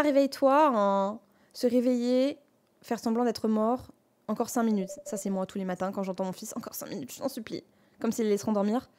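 A woman streamer chatting casually while playing a game, excitable and slangy, laughing often and thanking her chat. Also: mid-range voice. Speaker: Twitch streamer. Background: faint game music.

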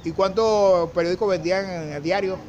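A man's voice: high-pitched, steady tone, moderate pace, dull audio. A man asking questions as a journalist in a street interview. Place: outdoor fruit stall on a city street. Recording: loud outdoor street noise.

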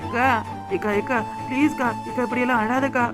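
A woman's voice: on the high side, fairly even intonation, fairly quick, natural voice. A woman voicing a village aunt in a cartoon, pleading and reassuring in a Tirunelveli Tamil accent. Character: consoling village aunt, a younger sister-in-law. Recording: cartoon dub with music underneath.

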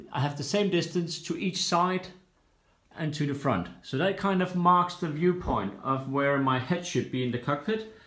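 A man with a fairly high, slightly bright voice gives a casual build-log walkthrough of his home cockpit, explaining each step plainly with frequent "uh" pauses. He films on a handheld phone indoors in a home workshop room, where the bare walls create a roomy echo.

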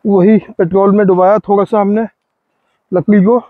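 A man's voice: sits high, normal speed, no echo, narrow, tinny audio. Chatty man vlogging at a forest camp. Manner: relaxed, chatty, talks to viewers and friends. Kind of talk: casual camping vlog narration. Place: outdoors at a riverside forest campsite. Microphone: phone camera held close.

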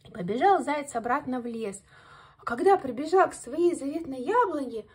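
A woman reading a bedtime fairy tale aloud in an expressive, gentle storytelling manner. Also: sits high, moderate pace.

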